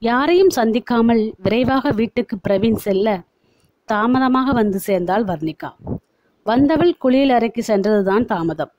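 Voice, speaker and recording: Woman narrator reading a novel, fairly high and mellow voice; dull, dry recording. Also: animated, measured pace.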